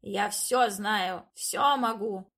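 A woman voicing Baba Yaga, a sly, boastful and touchy old witch, speaking slowly with drawn-out emphasis. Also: medium pitch, fairly bright tone. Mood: scheming.

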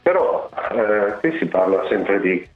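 A man's voice: lowish voice, expressive, slow pace, soft background music. An older male caller on a radio show, speaking hesitantly over a speakerphone that makes him hard to hear. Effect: calling in on speakerphone, hard to hear. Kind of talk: radio call-in comment. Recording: tinny echoey speakerphone call on air.

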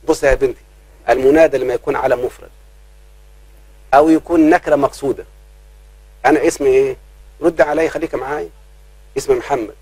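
Man, Egyptian accent, grammar teacher, breathy husky tone, quizzes students, stretches out examples. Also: medium pitch, fairly even intonation, a little mellow, no echo, rough recording. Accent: Egyptian Arabic. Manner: keeps quizzing students, slows down to drawl examples. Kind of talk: live classroom lesson.

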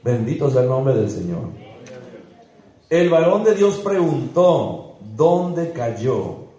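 A man preaching as pastor, with dramatic swings in pitch and pace, praying fervently. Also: very animated, slow pace, dark tone. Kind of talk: sermon. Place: church. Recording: echoey church hall.

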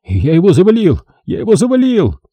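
A man voicing a frightened young male conscript in his first battle, shrill with a breaking voice. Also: huge pitch swings, a little fast, mellow, breathy edge, no room sound, full character voice. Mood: elated.

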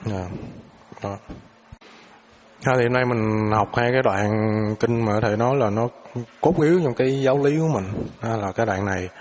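A man teaching a dharma class who takes questions, speaking in a relaxed way and often repeating words as he searches for them. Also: medium pitch, normal speed, slight background noise.

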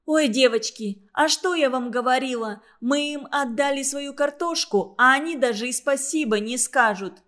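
Shrill fussy little girl, as a woman reads her. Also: normal speed, few pauses, a bit bright. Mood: shrill indignant. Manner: shrill, insistent, whiny. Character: shrill fussy young girl, self-righteous.

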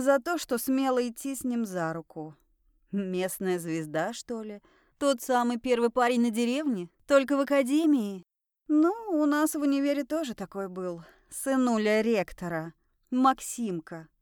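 A woman reading a first-person audiobook in a lively, wry, expressive way. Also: a little high, smooth, dry recording, clean studio sound. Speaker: audiobook narrator.

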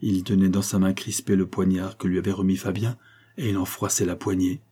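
Male audiobook narrator, low pitch, warm dark tone, measured dramatic reading. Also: level tone, breathy edge.

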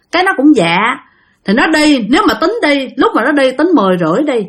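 Lively woman storyteller. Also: fairly high pitch. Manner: chatty, addresses listeners directly, dramatic. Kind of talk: casual spoken ghost-story telling.

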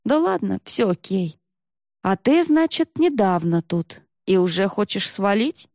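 Чтица играет бойкую девушку-лучницу, говорит развязно и громко, запись сухая. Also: female voice, mid-range voice, measured pace, dry recording, studio quality. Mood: brash cheeky. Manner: brash, excited, joking. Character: bold, cheeky young woman archer.

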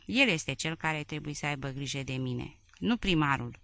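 A woman's voice: sits low, animated, creaky, fairly bright tone, heavily acted. A woman voicing an aging male head of state who barks orders and rants indignantly. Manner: barking, indignant.

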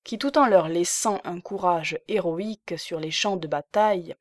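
A woman narrating a classic novel as an audiobook in a measured, even manner. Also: fairly low pitch, no room sound, clean studio sound. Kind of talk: scripted literary narration.

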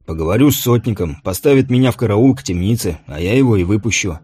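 A man's voice: fairly low pitch, expressive, fast, warm tone, slightly rough. A man voicing a loyal, plain-spoken palace guard sergeant who talks in a coaxing, colloquial way. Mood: earnest.

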